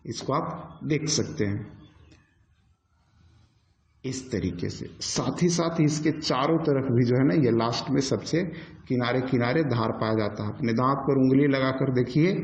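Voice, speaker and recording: A man's voice: medium pitch, moderate pace, a little mellow. A male teacher giving a lecture, who asks questions, answers them himself and keeps checking in with his students. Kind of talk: classroom lecture. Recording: echoey, dull lo-fi sound.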